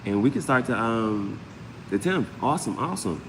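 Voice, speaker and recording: Speaking at normal speed in a mid-range voice, a man hosts a live tarot reading that feels loose and improvised. He repeats himself often and peppers his talk with slang and sound effects, all captured with long room reverb and a steady, clearly audible background hum.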